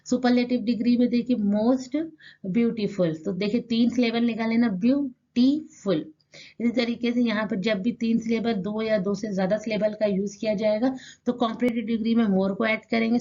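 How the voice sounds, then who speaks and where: A woman teaching an English grammar lesson in Hindi. She reads rules out slowly, sounds out words syllable by syllable and keeps asking rhetorical questions. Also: medium pitch, dark tone, lo-fi sound. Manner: repeats rhetorical questions to the class.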